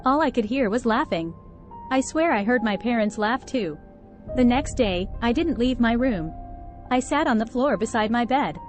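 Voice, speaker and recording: A woman with a fairly high voice narrates a first-person horror story. Her delivery is tense and dramatic. Quiet music plays underneath. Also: lively intonation, normal speed. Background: faint background music.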